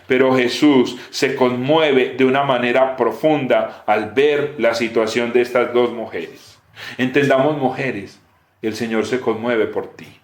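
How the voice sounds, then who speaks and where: A man preaching a sermon with emotion, dropping soft and rising loud. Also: medium pitch. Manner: emotional, swings between soft and raised voice. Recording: roomy echo.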